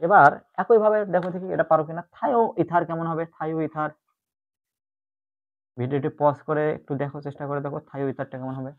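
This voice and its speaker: A man's voice: fairly high pitch, fairly even intonation, quick pace. A man teaching chemistry in an online lecture, explaining step by step and repeating the key terms. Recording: tinny phone-like audio.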